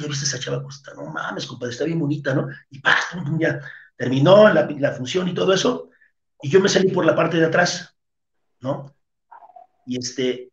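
A Mexican-accented man with a slightly high voice talks his way through a long anecdote. He rambles, swears casually and slips into other people's voices as he tells it. The sound is roomy and muffled, like a lo-fi recording. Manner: rambling, slangy and crude, acts out voices in the story. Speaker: interview guest, wrestler. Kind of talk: casual storytelling.

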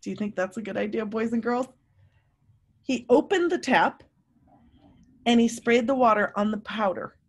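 Reading a story aloud to young children, a woman in her fifties stretches out words with animated emphasis and asks her listeners questions. Her voice sits fairly high, and she's in a room at home.

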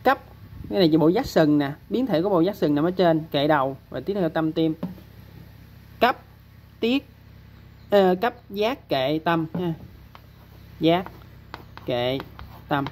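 A man's voice: a little high, lively intonation, unhurried, pauses often, darkish tone, a little hiss or hum. A man with a Southern Vietnamese accent teaching kanji step by step, patiently checking in with his listeners as he explains. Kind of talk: step-by-step lesson.

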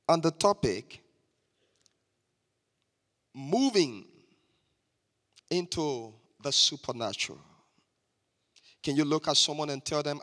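A man preaches a slow, deliberate sermon in a high, bright voice. He stresses his points and calls on the congregation to repeat his words. His voice rings with a long church reverb. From Liberia. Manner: emphatic, has the congregation repeat after him. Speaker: guest preacher. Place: church sanctuary.

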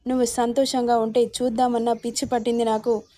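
A woman's voice: on the high side, level tone, brisk, dark tone, dry recording, natural voice. A woman voicing a hurt, fiery young wife who speaks in a pleading, reproachful way. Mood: upset.

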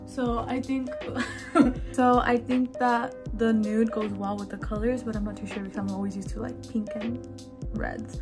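A woman's voice: on the high side, fairly even intonation, normal speed, low-quality recording. Chatty young woman vlogging with music. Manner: chatty, giggly, full of "like" and "um". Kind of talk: casual vlog chat to camera. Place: home kitchen, then streets, subway station and shops. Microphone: handheld camera at arm's length.

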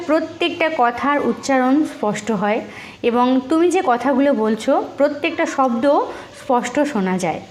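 A woman's voice: high-pitched, darkish tone, slight background noise. A woman making a motivational video, counting off tips and asking the listener to agree. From Bengal. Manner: instructive, counts off points, asks "right?". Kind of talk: motivational talk to camera.

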